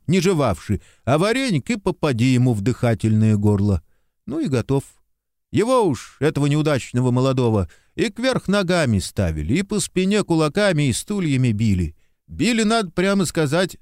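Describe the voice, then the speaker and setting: A man giving voice to a nervous, talkative soldier, spinning yarns and whining softly. His pitch jumps about with animation. The recording is dry and close. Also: no room sound, close to an everyday voice. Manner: rambling storyteller, apologetic and plaintive. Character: chatty timid male soldier, talkative and guilty. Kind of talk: audiobook character reading.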